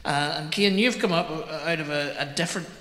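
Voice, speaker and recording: A Northern Irish podcast host conducts a live on-stage interview in a big hall full of people, his questions enthusiastic and rambling. His voice is on the high side and a bit bright, at a normal speed, with the hall's long reverb echoing around it.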